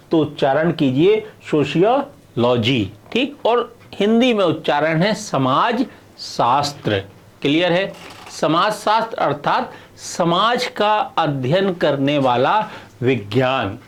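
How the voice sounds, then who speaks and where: A middle-aged man teaching sociology in a video lecture, explaining step by step and checking often that students follow. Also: a little high. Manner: explains with repeated checks like "है ना" and "clear है".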